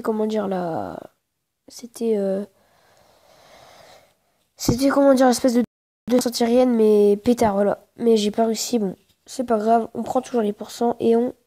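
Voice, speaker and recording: A woman's voice: a little high, dark tone. A woman giving casual gameplay commentary in informal, slangy speech, often grumbling in frustration and repeating phrases as she thinks aloud. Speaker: gaming video creator.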